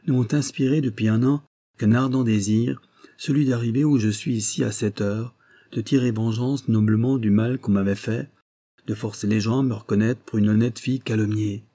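A man reading aloud, voicing a proud, composed young village woman who pleads her case in formal, measured speech. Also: mid-range voice, dark tone, natural voice. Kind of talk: audiobook reading.

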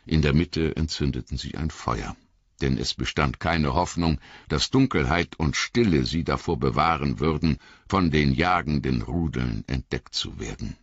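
A man narrating an audiobook in an expressive, dramatic reading style. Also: extremely low pitch, moderate pace, vocal fry, no echo, muffled recording. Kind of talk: scripted narration.

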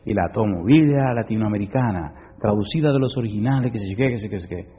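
Husky pastor guy w a preaching in a big echoey hall, kinda muffled audio. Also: on the low side, fast. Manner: animated preaching with sudden loud questions and quiet asides. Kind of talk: sermon.

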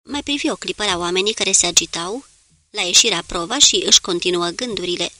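A woman narrates an audiobook in a measured, even reading. Her voice is bright and forward. The recording is dry and close, with no room sound. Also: on the low side, dry recording. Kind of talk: scripted narration.

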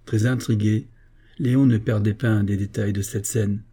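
A man narrating an audiobook in a steady, measured reading voice. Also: fairly low pitch.

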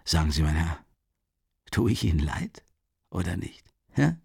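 A man voicing a drunken, self-pitying old ex-official in an audiobook, pleading and rambling with a voice that swings up high. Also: big pitch swings, unhurried, vocal fry, a little mellow, breathy edge, dry recording, clean studio sound, full character voice. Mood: pleading, maudlin.

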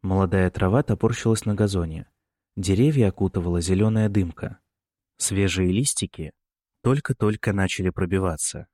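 A man narrating a novel in a measured, even delivery. His voice is low, and the recording is dry and close with no room sound. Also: no room sound. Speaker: audiobook reader. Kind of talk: scripted narration.

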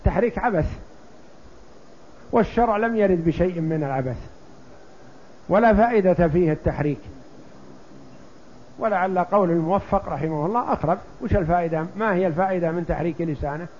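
Older sheikh teaching, high-ish voice, dull old lo-fi tape. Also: male voice, a little mellow, a little hiss or hum. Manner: slow, deliberate, drawn-out examples, rhetorical questions. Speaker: sheikh teaching a fiqh text. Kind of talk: classroom explanation of a religious text. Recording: dull lo-fi lecture recording.

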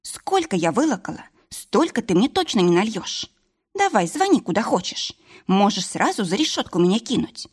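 A woman's voice: mid-range voice, sing-song, moderate pace, breathy edge. A woman reading an audiobook voices a stubborn, tipsy young wife with a pouty, defiant manner.

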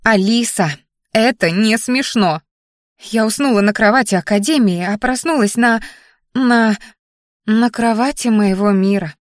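A woman's voice: on the high side, unhurried, dry recording, natural voice. A woman voicing an anxious young female student roommate who stammers and gasps for breath, in a fantasy audiobook. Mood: panicky. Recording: dry close audiobook recording.

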